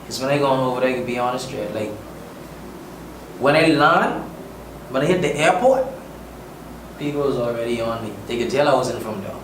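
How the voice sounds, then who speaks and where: A Bahamian musician, speaking with a Bahamian accent, is a guest in a casual interview, talking earnestly and emphatically with slang. His medium-pitched voice has lively intonation at a moderate pace with frequent pauses, recorded on a distant mic in an echoey room with faint noise.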